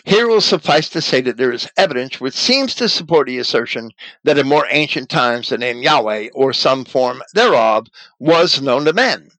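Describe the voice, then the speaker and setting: A man giving a measured, deliberate lecture on scripture and language, now and then pausing to correct himself. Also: mid-range voice, lively intonation, fairly bright tone, dry recording, poor audio.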